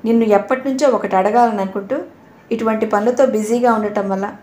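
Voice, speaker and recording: A woman's voice: fairly high pitch, steady tone, brisk, a little mellow, natural voice. A woman reading the part of a playful, teasing young man in an audio novel, in an echoey room. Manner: teasing, cheeky.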